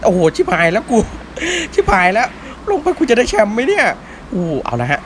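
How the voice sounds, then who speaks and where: A young man hosting a gaming channel, giving excited gameplay commentary with loud exclamations and swearing. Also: very high-pitched, a little fast, slight background noise.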